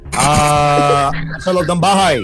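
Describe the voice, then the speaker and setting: A man with a slightly raised pitch works through yes-or-no questions in a curious, joking way. Steady music runs behind him. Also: slow pace, rough recording. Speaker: game show player. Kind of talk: casual game show banter.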